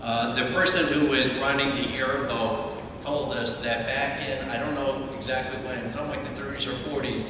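A man giving a casual, halting slideshow talk at a club meeting, with many fillers. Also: mid-range voice. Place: large meeting room. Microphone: distant room mic. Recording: echoey room, voice from far off, noisy.

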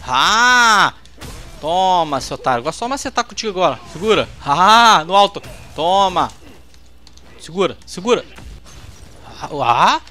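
A man with a Brazilian accent giving excitable, trash-talking commentary while playing a fighting game. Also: high-pitched, measured pace, long pauses, faint music behind. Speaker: gameplay host. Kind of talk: let's-play commentary.

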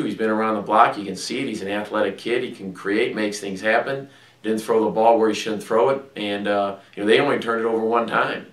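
A middle-aged man with a lowish voice talks through his team's game in a plainspoken way, restarting sentences and filling gaps with "uh." He sounds a little distant from the mic, and a small room adds a noticeable echo around him. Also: a bit bright. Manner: plainspoken, with frequent restarts and "uh" fillers. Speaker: head football coach. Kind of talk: postgame remarks to camera. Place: small indoor room before a team logo backdrop.

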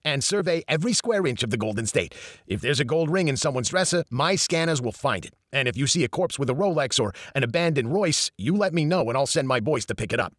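A man's voice: animated, fast talker, fairly bright tone, no echo, studio quality. A man voicing a greedy, sleazy heavyset male gold dealer with a New York accent, pushing a hard bargain. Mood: scheming. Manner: pushy sales-pitch bargaining.

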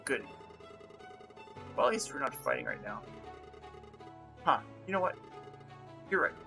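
A game reviewer reading game dialogue aloud, switching between the lines of two bickering characters. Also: medium pitch. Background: game music.

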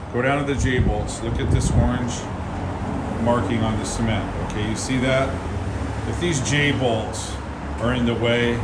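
Filming on a phone, a man gives a casual walkthrough of an unfinished framed building, speaking straight to viewers in a folksy, repetitive way as a construction guide. His voice is mid-range, and there's heavy background noise.

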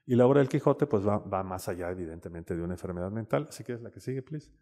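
A man's voice: fairly low pitch, lively intonation, quick pace, warm tone. Mexican man lecturing in a reverberant hall. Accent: Mexican Spanish. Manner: conversational, peppers speech with "este" and "¿no?". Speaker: panelist speaking on literature and mental health. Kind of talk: casual lecture with slides. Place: lecture room at a university campus.

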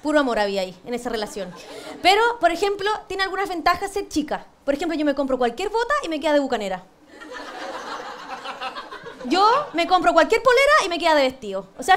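A Chilean woman with an extremely high, slightly bright voice does stand-up on a TV panel show. She mocks herself cheekily and lands crude punchlines, while the TV studio audience laughs in the background.

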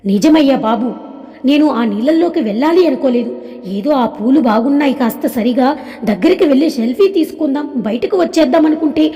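A woman's voice: high voice, animated, a little fast, mellow, highs cut off. A woman playing a carefree innocent young woman. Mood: pleading. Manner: innocent, pleading. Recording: long echoing reverb.

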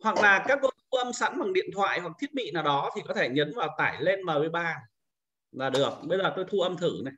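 A man giving a patient, step-by-step screen-recorded software tutorial to teachers, explaining each click as he goes. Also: high-pitched, lively intonation, fairly quick, highs cut off, background noise. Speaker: teacher trainer.

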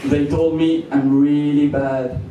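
A young man performing deadpan one-liners on a comedy club stage into a handheld mic, pausing before each punchline. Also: fairly high pitch, slight background noise. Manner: deadpan, slow deliberate pauses before punchlines. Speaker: stand-up comedian. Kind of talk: live stand-up one-liners. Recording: roomy distant club sound with loud crowd.

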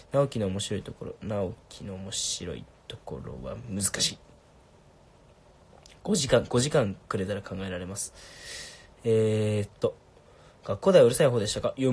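A young man casually answering viewer questions on a livestream, laid-back and soft-spoken. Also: fairly low pitch, breathy edge.

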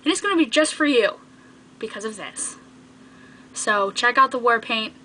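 Her fairly high, sharp voice moves with lively intonation at a normal pace as she jokes and teases her viewers. The young woman is vlogging from a small bedroom, and the camera mic yields a noisy, webcam-like sound.

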